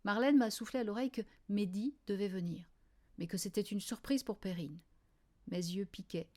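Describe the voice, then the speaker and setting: A woman narrating a children's novel in the first person, in a quiet, wry diary style. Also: medium pitch, moderate pace. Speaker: audiobook reader.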